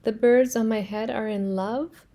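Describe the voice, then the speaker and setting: Reading a children's storybook aloud, a woman gives a worried, fretful male elephant his voice, her questions carrying rising alarm. Her voice is a little high and dark in tone, steady and unhurried.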